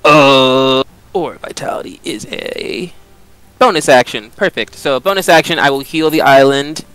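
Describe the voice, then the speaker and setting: Clear-voiced man playing a tabletop game. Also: mid-range voice, moderate pace, fairly bright tone, dry recording. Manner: hesitant, thinking aloud. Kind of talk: casual game chat.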